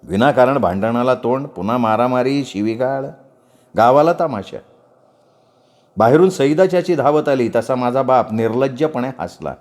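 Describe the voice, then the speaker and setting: A male storyteller reading a dramatic first-person village story with expressive, vivid narration. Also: medium pitch, moderate pace.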